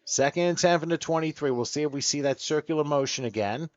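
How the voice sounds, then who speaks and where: A man calling play-by-play for a football game, building excitement as the plays unfold. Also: a little high, quick pace, dry recording, muffled recording. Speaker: play-by-play announcer. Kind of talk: sports play-by-play commentary.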